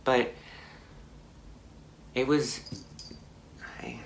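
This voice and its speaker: A young man telling a car crash story on his vlog, halting and shaken, with many fillers and restarts. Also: medium pitch, fairly even intonation, a little hiss or hum. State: anxious, shaken. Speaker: vlogger.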